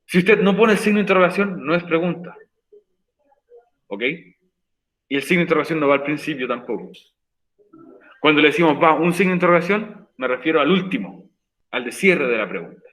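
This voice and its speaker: Guy teacher explaining grammar in a virtual class, patient, says things twice, kinda high pitched. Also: animated, fairly quick, long pauses, a bit bright, rough recording. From Chile. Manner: patient, repeats points for emphasis. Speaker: English teacher. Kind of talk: recorded online class explanation.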